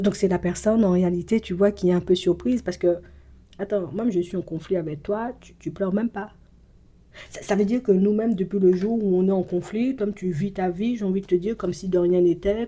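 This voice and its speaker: A woman with a warm, mellow voice gives a spoken intuitive reading straight to the viewer, as a psychic reader would. Her delivery is loose and rambling, full of stammered restarts and repeated filler phrases. She drifts into speaking in the first person as someone else. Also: medium pitch. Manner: slips into first-person speech for the absent person.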